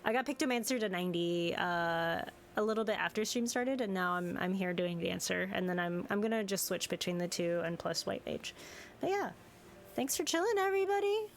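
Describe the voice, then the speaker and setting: A woman's voice: fairly low pitch, brisk, hardly any pauses, slight background noise. A woman livestreaming a game in a cute, bubbly anime-streamer way, chatting casually and greeting viewers effusively. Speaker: VTuber streamer. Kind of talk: casual livestream chat over a video game. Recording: game music behind the voice. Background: game music.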